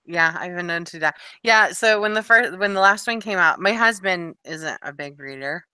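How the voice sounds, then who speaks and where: A woman's voice: on the low side, moderate pace, sharp tone, smooth, no echo. A middle-aged woman co-hosting a podcast, telling rambling stories with lots of asides in casual chat. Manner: rambling, chatty storytelling with many asides. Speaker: podcast co-host.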